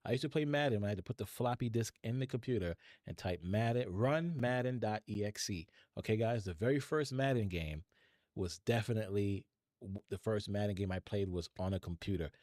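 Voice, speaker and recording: A man's voice: fairly low pitch, a little fast, darkish tone, no room sound, clean studio sound. A middle-aged man hosting a live tech stream, chatting casually and rambling as he talks straight to his viewers. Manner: chatty and rambling, addresses chat directly.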